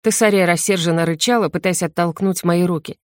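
A woman narrating a first-person audiobook in a steady, even storytelling manner. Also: on the low side, fairly quick, no echo, clean studio sound.

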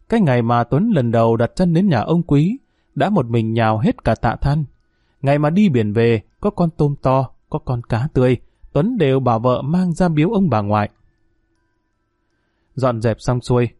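Mellow-voiced male storyteller. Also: mid-range voice, no echo, clean studio sound. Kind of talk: audiobook story narration.

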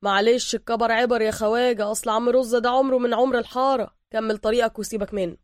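A woman's voice: on the high side, fairly even intonation, fast talker, no echo, studio quality, natural voice. A woman voicing a friendly Egyptian barber with an Egyptian accent, jovial and reassuring. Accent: Egyptian Arabic. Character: friendly Egyptian barber, easygoing middle-aged man.

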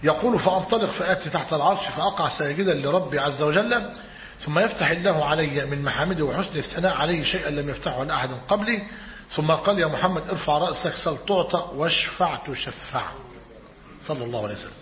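A man's voice: a little high, quick pace, slight background noise. A man teaching a religious lesson. He reads a commentary aloud and explains it. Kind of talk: lecture on creed. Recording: echoey hall, muffled lo-fi.

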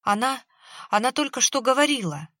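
A woman's voice: medium pitch, takes it slowly, pushed and bright, dry recording, studio quality. A woman voicing an anxious mother whose voice trembles as she pleads over her daughter. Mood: trembling, excited.

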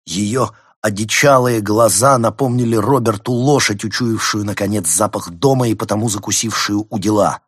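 Low husky male audiobook narrator. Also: no echo, studio quality. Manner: measured, dramatic storytelling. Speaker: audiobook reader. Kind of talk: scripted narration.

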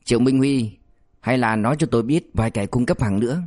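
A man's voice: medium pitch, a little fast, darkish tone, faint music behind, close to an everyday voice. A man voicing a cynical male cop who threatens and mocks a suspect. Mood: scheming. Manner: mocking, threatening, crude. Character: cynical, bullying male cop, sly and menacing.

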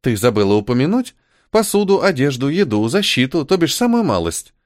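A man's voice: mid-range voice, big pitch swings, a little fast, dry recording, lightly acted. A dry, sarcastic young archer woman, voiced by a man. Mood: annoyed.

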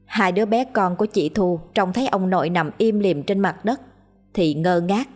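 A woman storyteller reading a ghost story in a steady, measured way. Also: medium pitch, faint music behind.

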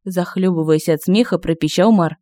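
A man narrating an audiobook in a lively, expressive reading. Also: sits high, normal speed, dry recording.

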